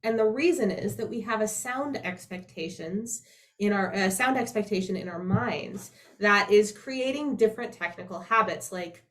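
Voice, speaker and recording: A woman with a nasal voice, explaining things as a voice teacher in a conversational, halting way and checking in as she goes. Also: medium pitch. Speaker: voice teacher, co-presenter.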